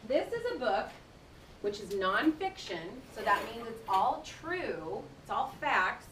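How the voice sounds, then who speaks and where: A teacher reads aloud to a class of young children indoors, stopping now and then to explain things in simple, chatty language. Her fairly high, sing-song voice is a bit bright and sounds distant in the echoing room. A low rumble of noise runs behind her.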